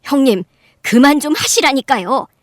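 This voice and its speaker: A voice actress playing a middle-aged mother who narrates in a measured way and confronts her sister-in-law firmly. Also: high voice, animated, no room sound, clean studio sound. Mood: angry. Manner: measured storytelling, firm and sharp when confronting. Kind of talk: Korean radio drama narration.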